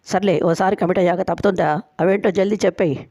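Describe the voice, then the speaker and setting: A woman's voice: on the low side, fairly even intonation, fast talker, mellow, no echo, natural voice. A woman storyteller voicing a boastful, playful young man who agrees to every condition.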